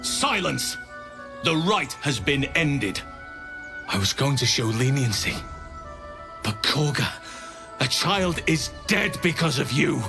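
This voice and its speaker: A man's voice: fairly high pitch, sing-song, slow pace, vocal fry, pauses often, exaggerated voice. A man playing a righteous druid leader in a video game, grave, commanding and declamatory. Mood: stern anger. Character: big druid leader, righteous, solemn, angry protector of nature. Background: game music.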